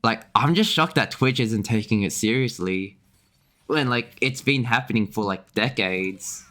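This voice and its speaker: A man's voice: medium pitch, unhurried, a bit bright. A young man streaming a game, chatting casually and rambling with lots of fillers, restarts and little chuckles. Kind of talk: casual chat while gaming.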